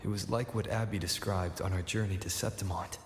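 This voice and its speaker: A man playing a calm, solemn fantasy traveller and seer in a video game, his voice heavily reverberant. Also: low voice, a little fast, slight background noise. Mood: solemn, reflective. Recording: heavy echo and long reverb.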